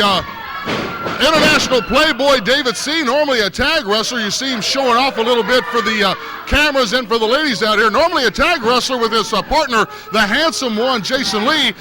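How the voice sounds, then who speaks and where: High-voiced folksy wrestling announcer, man. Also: fairly quick. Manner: folksy, hesitant with frequent uh fillers. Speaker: play-by-play announcer. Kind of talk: live wrestling commentary. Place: wrestling arena. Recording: noisy arena recording.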